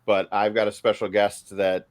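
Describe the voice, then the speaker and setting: A man hosting a casual group chat, talking with excited emphasis and repeating phrases. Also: on the low side, normal speed. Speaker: show host.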